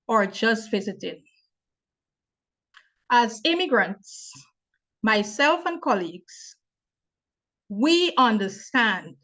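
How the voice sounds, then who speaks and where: Slow, formal woman hosting a webinar. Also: on the high side, a bit bright. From Guyana. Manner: measured, formal delivery. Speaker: webinar host and moderator. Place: home or office on video call. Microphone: laptop mic on video call. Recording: dull lo-fi video call audio.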